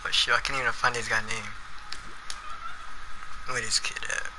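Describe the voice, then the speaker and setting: A man's voice: mid-range voice, flat delivery, normal speed, background noise. A young man from El Salvador livestreaming a game, chatting casually and laughing often at the other player. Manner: laughs often, amused and teasing. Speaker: streamer. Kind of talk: casual gaming livestream chat.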